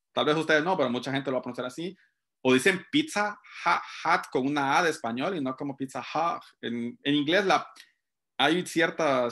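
A man's voice: a little high, fairly bright tone. A man speaking as a guest linguist, explaining to a class in a conversational way. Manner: explanatory, addresses listeners directly.

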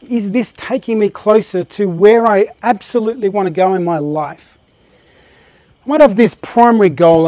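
A man leads a live motivational workshop, speaking with real passion and a lot of energy. His voice sits high for a man. It sounds dry and close, with no echo from the room. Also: a little mellow. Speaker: workshop presenter.

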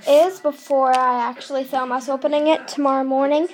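Bubbly high-voiced young woman vlogging. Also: fairly even intonation, brisk, poor audio. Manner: chatty, giggly, addresses viewers directly. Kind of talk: casual home vlog. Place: family home at Christmas. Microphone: handheld camera.

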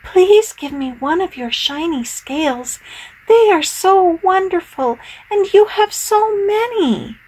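A woman voicing a small young male fish in a storybook, high and eager. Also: expressive, slow pace, darkish tone, exaggerated voice, low-quality recording. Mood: pleading.

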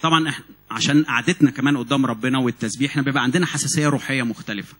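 A man with an Egyptian Arabic accent preaching a sermon in an animated way, often repeating and restarting words. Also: mid-range voice, rapid-fire. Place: church meeting hall.

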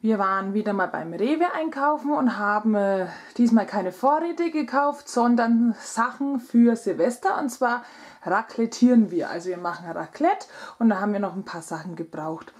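In her home kitchen, a vlogger in her thirties chats straight to her audience while showing off items for a casual vlog. She speaks at normal speed in a medium-pitched voice with lively intonation.

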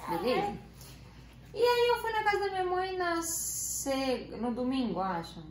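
A woman's voice: very high-pitched, very animated, a little slow. A young Brazilian woman telling a personal story to viewers in a chatty way, often correcting herself mid-sentence. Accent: Brazilian Portuguese. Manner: chatty, self-correcting, quotes family in dialogue. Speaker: vlogger. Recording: roomy home video with faint noise.

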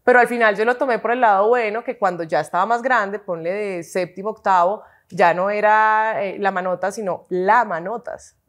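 A Colombian woman in her thirties speaking as an interview guest. She talks frankly and at an easy conversational clip. She often answers with quick runs of repeated agreement. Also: medium pitch. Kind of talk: casual interview chat.

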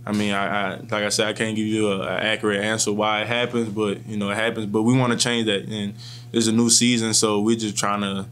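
Seated before a sponsor backdrop in a press room, a young college football player in his twenties answers post-game questions into the table mics in front of him. He speaks in a flat, fairly low voice, calm and measured, with frequent restarts, over a faint hum.

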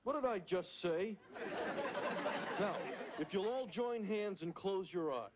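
A man's voice: high voice, animated, slow, a crowd in the background. A man voicing a wisecracking, nasal furry alien who acts as a bossy, theatrical seance medium in a sitcom. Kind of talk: sitcom acting. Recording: noisy sitcom soundtrack.

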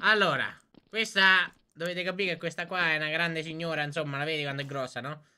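A man's voice: on the high side, fairly even intonation, brisk, sharp tone, clean tone. A man with a Roman Italian accent, streaming a role-play game and joking with other players, repeating words in playful bursts. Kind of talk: casual role-play banter.

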